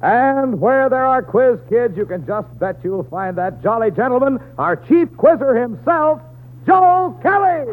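Casting: American male old radio announcer, very high, swooping delivery, showy scripted billing, thin vintage broadcast sound. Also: big pitch swings, a little hiss or hum. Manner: showy, drawn-out announcing of names. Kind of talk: 1940s old radio announcer, scripted sponsor reads and show introduction. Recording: tinny, band-limited 1940s radio broadcast.

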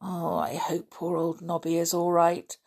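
In an unhurried, husky voice on the low side, a woman reads a storybook, playing a sensible, steady boy who calmly reasons with and leads his friends.

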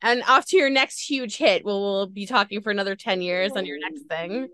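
A woman's voice: medium pitch, a little fast, pushed and bright, no echo, clean studio sound. Gushing woman podcast host. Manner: gushing, effusive. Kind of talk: emotional interview chat.

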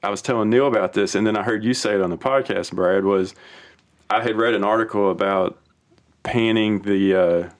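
A man who is a guest on a podcast, chatting casually about home recording. He rambles in a relaxed way, often restarting his sentences. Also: lowish voice, normal speed. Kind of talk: casual chat.

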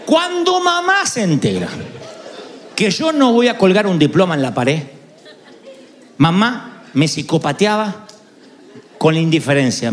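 A man preaching with an Argentine accent, telling a funny personal story and playfully acting out the voices in it. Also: fairly high pitch. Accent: Argentine Spanish. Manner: playful, acts out voices in anecdotes. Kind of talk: humorous storytelling sermon.

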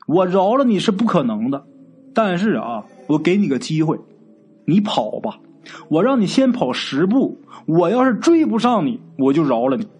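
A man voicing a young male avenger who speaks with calm, unhurried menace. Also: high-pitched, slightly rough, faint music behind, exaggerated voice. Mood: cold.

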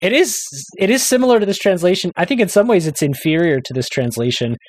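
A man co-hosting a podcast in casual chat, reading a translated text slowly and carefully, with a few stumbling restarts. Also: high voice, big pitch swings, darkish tone, no echo, rough recording. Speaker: podcast co-host.

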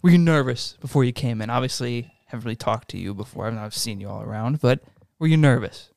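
A man's voice: mid-range voice, fast talker, gravelly, a little mellow, no room sound. A man hosting a podcast in a studio, chatting loosely with guests, joking and swearing freely. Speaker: podcast host. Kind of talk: casual podcast chat.

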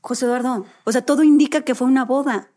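A woman's voice: sits high, fast, warm tone. A woman hosting a casual interview, teasing her guest with prodding questions and laughing easily. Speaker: host.

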